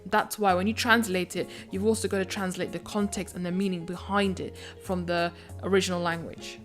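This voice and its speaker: A woman's voice: fairly low pitch, level tone, a little fast, music in the background. A woman teaching a language video lesson. She explains phrases methodically and breaks them down step by step.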